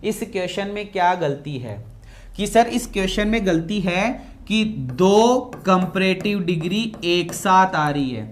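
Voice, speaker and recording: A man's voice: high voice, lively intonation, measured pace. Man teaching English grammar. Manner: repeats key phrases, quizzes students with questions. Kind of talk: classroom grammar lecture.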